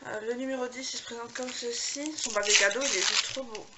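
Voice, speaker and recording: A woman beauty vlogger talks casually to camera and gushes over each gift in a fairly high voice. Her chat is loose and full of little fillers. A steady hiss and small clicks sit under the voice. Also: fairly quick. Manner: gushing, chatty, filler-heavy.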